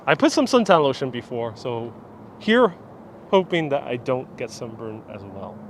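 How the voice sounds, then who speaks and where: Very animated, with a medium pitch and normal speed, a Puerto Rican vlogger hosts a casual live-streamed walk through a large sculpture park, chatting and reading comments from viewers aloud. A wireless mic and gimbal-mounted phone capture him outdoors, with slight background noise.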